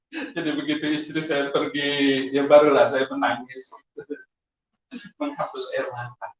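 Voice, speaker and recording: Animated male preacher in an echoey hall. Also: slow, long pauses. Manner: animated storytelling, laughing often, sudden high exclamations. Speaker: pastor. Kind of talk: testimony sermon. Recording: echoey, distant, lo-fi hall sound.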